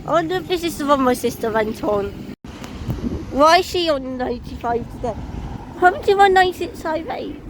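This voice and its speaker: Here a bus-spotting vlogger holds her phone outdoors and chats away, cheerfully listing the fleet numbers and plates of passing buses. Her high voice moves at a normal speed over a noisy background of traffic and street sounds.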